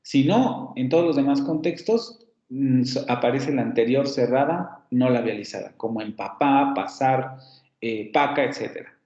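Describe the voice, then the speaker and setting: A man's voice: medium pitch, moderate pace, a little mellow, reverberant, dull audio. A man giving an online phonetics lecture. He explains step by step, repeats example words and corrects himself as he goes. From Mexico. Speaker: university phonetics teacher.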